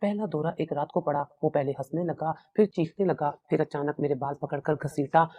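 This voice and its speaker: A woman calmly narrating a first-person story in a measured, solemn way. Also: sits low, highs cut off.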